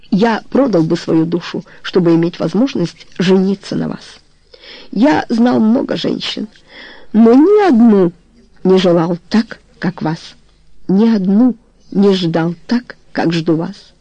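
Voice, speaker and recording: A reader voicing a tormented married man who confesses his love in halting, emotional pleas, in an audiobook. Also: medium pitch, mellow, no room sound, highs cut off.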